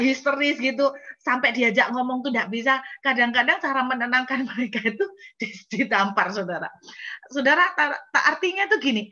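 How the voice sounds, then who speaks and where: Bright-voiced woman pastor preaching lively. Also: on the high side, lo-fi sound. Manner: lively, conversational preaching with acted-out cries. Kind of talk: sermon.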